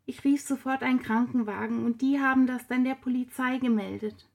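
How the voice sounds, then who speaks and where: A shaken teenage girl speaks in a quiet, halting way, as a woman reading aloud puts her on. Her voice sits a little high. She sounds close to tears in this storybook scene. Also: steady tone, gravelly. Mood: tearful.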